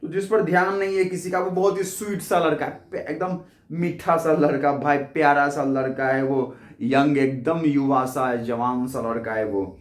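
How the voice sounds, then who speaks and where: A man's voice: a little high, steady tone, moderate pace. A male teacher explaining a poem line by line, repeating word meanings and spelling words out letter by letter. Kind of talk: Hindi-English poetry lesson explanation. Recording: echoey room.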